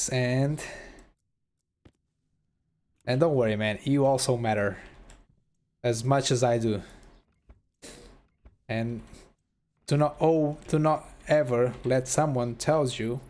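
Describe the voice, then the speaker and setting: A man's voice: mid-range voice, darkish tone. A man streaming a game, thinking aloud as he builds and chuckling at chat. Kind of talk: casual gameplay commentary.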